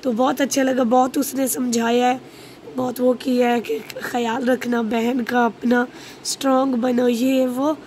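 A young woman from Pakistan with a hoarse voice, talking casually to camera in a family vlog. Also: fairly high pitch, flat delivery, a little slow, a little mellow, slight background noise. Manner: chatty, repeats pious phrases. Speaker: vlogger.

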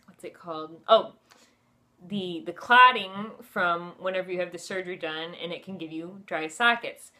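A woman's voice: on the low side, bright, forceful tone. Chatty young woman telling a personal story. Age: 20s. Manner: chatty, conversational, frequent "like" and "you know". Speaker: vlogger. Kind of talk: casual personal storytelling to camera. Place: furnished room at home, indoors.

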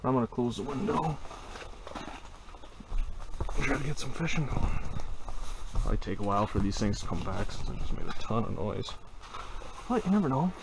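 Brief: young male outdoors vlogger, gravelly, excitable, noisy body-cam audio. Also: medium pitch, moderate pace, long pauses. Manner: excited, exclaiming. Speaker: ice fishing vlogger. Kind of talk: casual first-person narration. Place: outdoors on a frozen lake, then in an ice shelter. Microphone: body-worn action camera.

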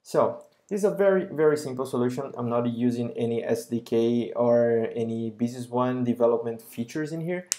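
A man in a mid-range voice narrates a screen-recorded software demo. He explains each step in a relaxed, informal way. Frequent small pauses and fillers break up his talk. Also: mid-range voice. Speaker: software solution architect.

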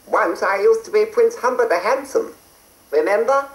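A woman's voice: medium pitch, expressive, normal speed, pitched above the performer's own voice, natural voice. A woman voicing a fussy male beast who was once a prince, drawling, on an old cassette. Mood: plaintive. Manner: plummy, drawling, says "one". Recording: roomy old cassette recording.

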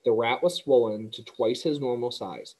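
Calm male teacher reading a storybook. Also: medium pitch, normal speed, breathy edge, rough recording. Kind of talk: children's book read-along narration.

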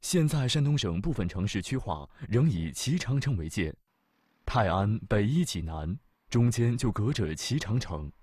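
A man narrating a travel documentary in a measured, formal way. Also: lowish voice, very animated, darkish tone, breathy edge, no room sound, studio quality. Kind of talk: scripted narration.

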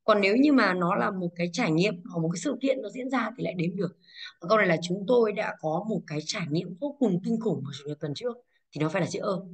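A young woman teaching English to a class, going briskly through exam answers and asking the students over and over whether they follow. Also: mid-range voice, expressive, slightly rough. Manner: brisk, scolding, checks understanding with rhetorical questions.

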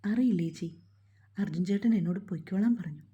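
Quiet sad young woman, short dodgy answers, narrator doing her, very dark mellow voice, lo-fi. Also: medium pitch, quick pace, natural voice. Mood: resigned. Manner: subdued, short evasive answers.

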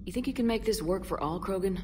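A woman's voice: medium pitch, fast, mellow, distant mic, slight background noise, natural voice. An actress playing a composed female military space commander in a video game, asking direct questions. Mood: probing.

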